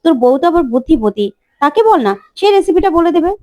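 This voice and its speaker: A woman voicing a sharp-tongued, sarcastic middle-aged mother-in-law in a soap-opera recap. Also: extremely high pitch, very animated, fast talker, pitched above the performer's own voice. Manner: sarcastic, cutting.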